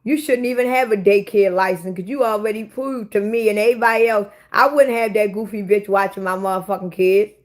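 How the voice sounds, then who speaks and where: A woman's voice: mid-range voice, steady tone, brisk, hardly any pauses. 40-something woman on her live, cussing out commenters, blunt and casual. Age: 40s. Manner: blunt, profane, talks back to commenters. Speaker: livestream host. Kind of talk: casual livestream chat with viewers.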